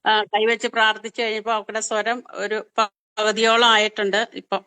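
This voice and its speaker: A woman, a mother on a video call, giving a halting testimony to a preacher. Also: medium pitch, level tone, pushed and bright, clean tone. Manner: hesitant, halting, plain speech.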